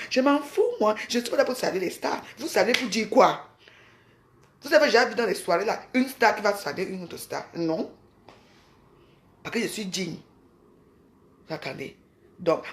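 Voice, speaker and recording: A woman speaks straight to her audience from her own home. She is heated and mocking, and she piles up rhetorical questions and pointed little tags at the end of her sentences. It is an angry, unscripted rant. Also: medium pitch. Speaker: social media personality ranting on a live video. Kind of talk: angry direct-to-camera rant.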